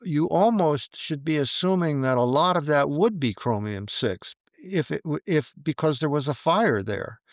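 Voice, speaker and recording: A man giving explanatory answers as an interviewed expert, in a halting way. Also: on the high side, expressive, dry recording, studio quality.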